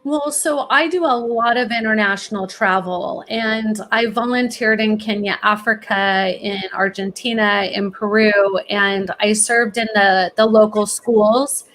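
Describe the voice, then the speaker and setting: A woman's voice: mid-range voice, measured pace, hardly any pauses, a bit bright. A woman as a guest expert in a podcast interview, giving upbeat, encouraging advice. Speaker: college planning expert, guest.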